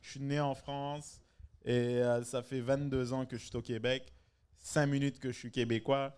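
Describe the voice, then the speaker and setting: A man in his thirties from Senegal chats as a comedian guest on a live podcast at a venue before a stand-up show. His mid-range voice is smooth, a little mellow and level, at a moderate pace, and he jokes, laughs often and restarts his sentences.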